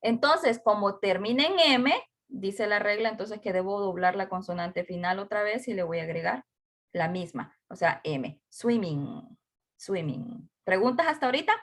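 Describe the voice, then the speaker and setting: A patient woman teacher walks a class through a grammar rule. She talks slowly, repeats each word and spells out letters one at a time, at an everyday pitch. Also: lively intonation, a bit bright. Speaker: English teacher.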